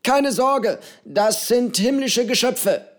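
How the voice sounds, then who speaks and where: A cheerful, eccentric old pirate cook with a hearty, booming manner, as a male narrator puts him on. His voice sits high and swings widely in pitch, full of playful energy. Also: animated, slow pace, exaggerated voice. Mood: jovial.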